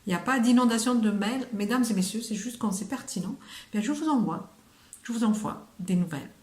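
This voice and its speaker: A woman's voice: a little high, animated, a little fast, a little mellow, reverberant. A woman teaching a casual online language lesson, chatty and often putting questions to the viewer. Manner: chatty, asks the viewer questions, drops into whispers.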